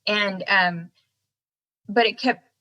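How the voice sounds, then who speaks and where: A woman's voice: medium pitch, takes it slowly, bright, forceful tone, low-quality recording. An American woman chatting casually as a podcast guest, talking out of one side of a swollen mouth and laughing as she goes. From United States. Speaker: podcast guest, singer-songwriter. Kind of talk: casual chat.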